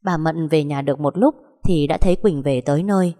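A woman narrating a story in a calm, steady way, with a long echoing reverb. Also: low-pitched, brisk.

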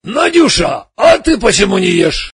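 A man voicing a boisterous middle-aged army major in an audiobook, loud, hearty and bossy. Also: sits high, big pitch swings, moderate pace, gravelly, slightly rough, full character voice. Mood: suspicious. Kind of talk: audiobook character voice.

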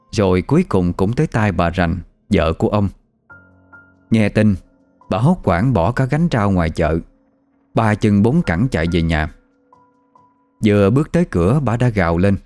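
A man's voice: fairly low pitch, dark tone. A man with a Southern Vietnamese accent narrating a ghost story in a dramatic, vivid manner. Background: faint music.

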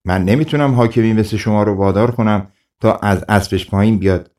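A man's voice: fairly low pitch, a little mellow, lightly acted. A man voicing a clever, cheeky wandering trickster in a folk tale audiobook, speaking slyly and self-assured.

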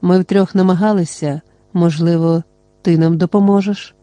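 A reader voicing a cold, commanding male mage who speaks curtly and flatly in an audiobook. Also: mid-range voice, moderate pace, no echo, close to an everyday voice. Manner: cold, flat, curt.

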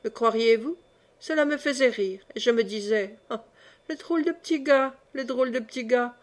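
A woman's voice: on the high side, moderate pace, close to an everyday voice. A woman reading the part of a young peasant woman who speaks with naive, tearful emotion. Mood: tender.

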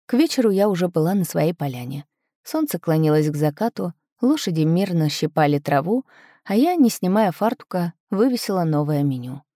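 A woman narrating a first-person audiobook, telling the story expressively and lifting her pitch on lively moments. Her voice is mellow and sits a little low. It is recorded on a close mic with a dry sound. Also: brisk, no room sound.

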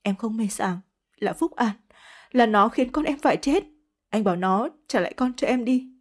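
A woman's voice: lively intonation, normal speed. Woman doing a vicious, hysterical young woman. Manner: shrill cursing, wailing accusations.

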